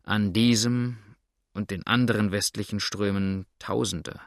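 Man voicing a calm old traveller in a storybook, reassuring, low gravelly voice, dry close sound. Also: unhurried, dry recording.

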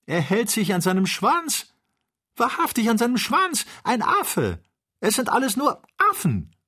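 A man reading an audiobook, voicing an excitable young male servant who talks eagerly and anxiously. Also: mid-range voice, moderate pace, slightly rough, pitched above the performer's own voice. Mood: laughing. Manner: eager, worried, bursting with excitement. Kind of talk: audiobook character voice.

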